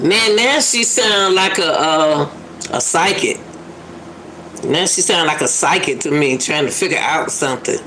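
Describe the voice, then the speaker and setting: Reacting to a clip of a phone call, a woman offers casual commentary, musing aloud and repeating phrases for emphasis. Her voice sits low and her pace is unhurried, over a noisy background.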